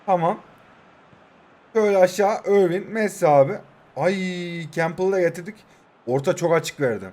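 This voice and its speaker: High-voiced young man calling game plays. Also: moderate pace, darkish tone. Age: 20s. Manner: jokey, talks to his players and viewers. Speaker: mobile football game YouTuber. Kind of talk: excited gameplay commentary.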